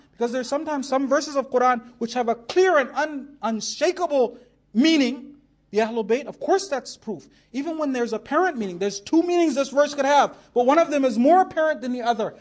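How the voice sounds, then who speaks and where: A man giving a religious lecture, moving from reasoning into an impassioned story, dropping soft for narration and rising when quoting. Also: very high voice, lively intonation, brisk. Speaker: preacher.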